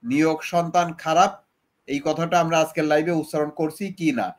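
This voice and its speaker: A man's voice: fairly high pitch, fairly even intonation, brisk. A man hosting a heated live debate, repeating himself and taunting his opponent. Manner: repetitive, taunting, insulting. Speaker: live stream host.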